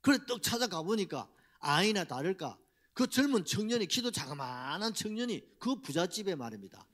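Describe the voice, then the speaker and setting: A man's voice: high-pitched, big pitch swings, normal speed, fairly bright tone. A middle-aged man, preaching a Sunday sermon in a church and putting rhetorical questions to the congregation. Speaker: pastor. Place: church sanctuary.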